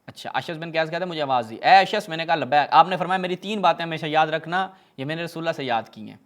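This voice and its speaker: A man's voice: on the high side, fairly bright tone. A man giving a polemical religious lecture, reading narrations aloud and mocking them with sarcastic asides. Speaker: religious speaker.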